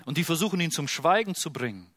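A man delivers a sermon with a slightly high voice. He drops to a near whisper on quoted pleas and rises loud for emphasis. The sound is dry and close. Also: fast, no echo. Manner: expressive, swings from hushed to loud when quoting. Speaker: preacher.

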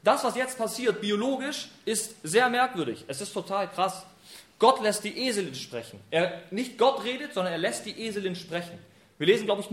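A man preaching a sermon, retelling a scripture story in a lively, colloquial way. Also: high voice. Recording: echoey room.

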